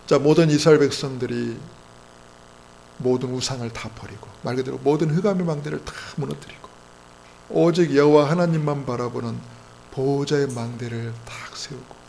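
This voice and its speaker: A male pastor preaching in a church, his slightly high, gravelly voice rising to loud exhortation and dropping to low asides. A faint hum sits under the recording. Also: low-quality recording. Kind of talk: sermon. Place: church sanctuary.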